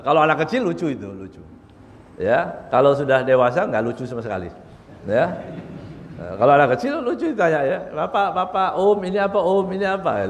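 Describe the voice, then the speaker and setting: Lively male preacher in a reverberant hall. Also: mid-range voice. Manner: lively, humorous, explains Arabic terms and acts out little scenes. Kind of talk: religious lecture on good character.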